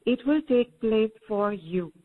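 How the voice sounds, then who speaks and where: Calm woman teacher on a tinny line. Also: on the high side, takes it slowly. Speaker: spiritual teacher, co-host. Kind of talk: spiritual teaching talk.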